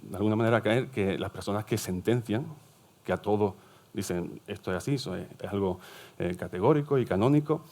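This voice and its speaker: A man's voice: on the low side, a little mellow. A middle-aged man, a teacher and psychopedagogue giving an explanatory conference talk and checking in with his audience. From southern Spain. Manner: explanatory, often checks in with "¿vale?". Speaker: primary school teacher and psychopedagogue presenting at a forum.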